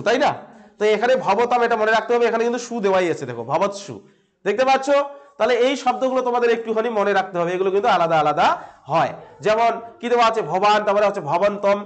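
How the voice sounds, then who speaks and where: A man with a very high voice and a Bengali accent teaches a grammar lesson. He keeps asking his class questions, then repeats each answer himself and checks that they follow.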